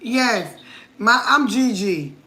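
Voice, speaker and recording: Slow-talking, bright-voiced chatty woman. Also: on the high side, expressive. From Connecticut, USA. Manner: chatty, playful, laughs often. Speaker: cooking vlogger. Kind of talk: casual live chat.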